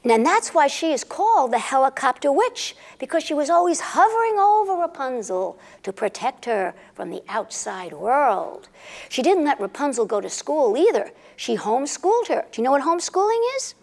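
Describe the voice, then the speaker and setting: A woman telling a comic fairy tale to a live audience, playful and animated, stopping to quiz her listeners. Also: sits high, normal speed. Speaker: storyteller. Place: rehearsal and recording studio with a live audience.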